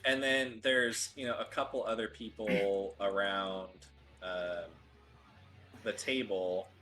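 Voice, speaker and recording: A man's voice: lowish voice, fairly even intonation, slow pace, fairly bright tone, low-quality recording. A man running a tabletop game as game master, narrating with frequent laughs and fillers.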